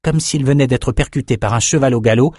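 A man narrating a fantasy audiobook in a steady, measured reading. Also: mid-range voice, slightly rough, no echo, studio quality.

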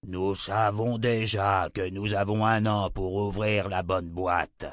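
A man reading a cruel emperor in an audiobook, in his own low voice. He speaks slowly and coldly, commanding and contemptuous, recorded close and dry. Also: steady tone, dry recording. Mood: menacing. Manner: slow, cold, commanding. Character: cruel male emperor, menacing and imperious.

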